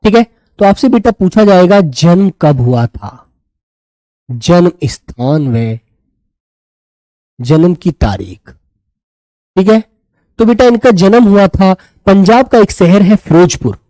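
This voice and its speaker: Leading a live online exam lesson, this Uttar Pradesh man speaks slowly in a high, expressive, warm voice, pausing often and repeating key phrases for students' notes. He affectionately checks in with them as "beta" despite a slightly sore throat. The audio is close, dry, and rough, with no room sound.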